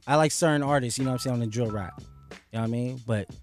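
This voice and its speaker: A young man talks about his music in a relaxed, slangy way, leaning on fillers. His pitch sits at a middling level for a man. Faint music plays behind him. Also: rapid-fire. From Los Angeles, US. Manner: laid-back, heavy fillers, slangy. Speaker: rapper guest. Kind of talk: casual interview chat.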